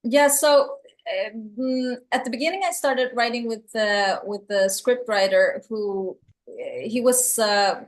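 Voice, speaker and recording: A middle-aged filmmaker from El Salvador, appearing as a guest, answers interview questions earnestly in English with a Swedish and San Francisco accent. Her voice is on the high side with fairly even intonation, and she takes it slowly, often repeating words as she searches for them.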